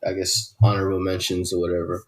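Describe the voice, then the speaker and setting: A man's voice: sits low, completely flat delivery, quick pace. A young man co-hosting a podcast in casual chat, rambling loosely with lots of fillers and swearing. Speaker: podcast co-host.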